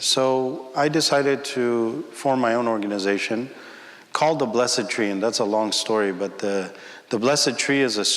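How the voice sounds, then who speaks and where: A young man from Afghanistan speaking as a panel guest, earnest and reflective, with filler ums. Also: fairly low pitch. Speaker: panel guest, former prayer leader. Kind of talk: personal testimony on a panel. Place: conference hall. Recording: long hall reverb.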